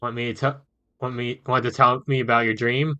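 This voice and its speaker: A man's voice: medium pitch, flat delivery, a little fast, bright, forceful tone, dry recording, dull audio, close to an everyday voice. Man reading as a soothing, caring mother. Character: gentle caring mother of a teenager.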